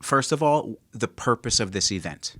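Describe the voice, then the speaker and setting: A man's voice: medium pitch, expressive, moderate pace, fairly bright tone, no echo. A man co-hosting a podcast in casual chat, making his points with emphatic repetition. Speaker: podcast co-host.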